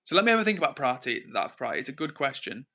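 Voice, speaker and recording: Speaking in rapid-fire bursts, an English-accented man from England runs a laid-back livestream, reading viewers' comments and musing aloud in a loose, rambling way. His medium-pitched voice swings widely in pitch and carries a sharp edge.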